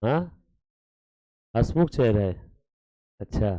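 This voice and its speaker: An accounts lecturer with a slight tinge mixes Hindi and English while teaching a live class, repeatedly questioning students and scolding them playfully. His voice is on the low side and warm, with lively intonation and a slow pace. The recording is dry and rough.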